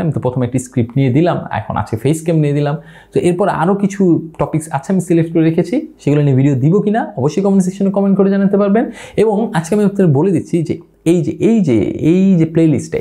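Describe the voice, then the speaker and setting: A man's voice: fairly high pitch, dark tone. A man in his thirties with a Bangladeshi Bengali accent, giving chatty tips to camera in a casual tutorial from home. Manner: chatty, explains with repeated asides. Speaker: YouTube creator. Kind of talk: casual talking-head tutorial. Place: home at night.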